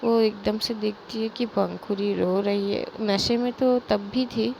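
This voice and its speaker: Slow gravelly young woman storyteller. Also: medium pitch, fairly even intonation, darkish tone, a little hiss or hum, low-quality recording. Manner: slow, unscripted, with fillers and restarts. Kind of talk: casual spoken story narration.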